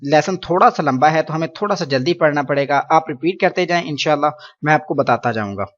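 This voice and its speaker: A man from Pakistan teaching Quran reading in an online lesson, explaining patiently with English words mixed in and drawing syllables out slowly for students to repeat. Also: on the high side, expressive, fairly bright tone, highs cut off. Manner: slow drawn-out syllables for repetition.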